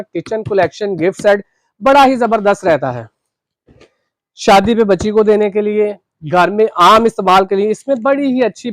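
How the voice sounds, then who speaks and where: Chatty shopkeeper, high voice. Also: male voice, dry recording. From Pakistan. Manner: chatty, peppers phrases with "ji". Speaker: shopkeeper showing cookware. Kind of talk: casual product demonstration. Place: shop.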